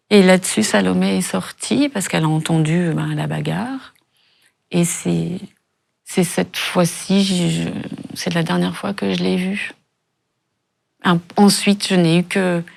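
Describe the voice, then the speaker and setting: A woman's voice: on the low side, vocal fry. A middle-aged woman giving an emotional testimony as an interview guest, often breaking off and repeating words. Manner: halting, repeats words when upset. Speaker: guest, bereaved mother.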